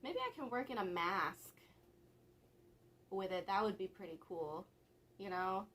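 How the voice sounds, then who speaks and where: A woman's voice: medium pitch, lively intonation, a little slow, a bit bright, slight background noise. A young woman vlogger chatting casually and rambling a little, with laughs between thoughts. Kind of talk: casual vlog chat.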